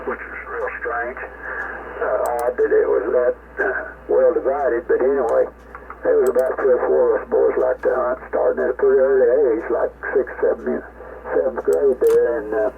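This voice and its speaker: Over a noisy, tinny ham radio link, an older man from the rural US rambles folksily through casual memories as an amateur operator. He speaks at a normal speed with a gravelly, medium-pitched voice and flat delivery.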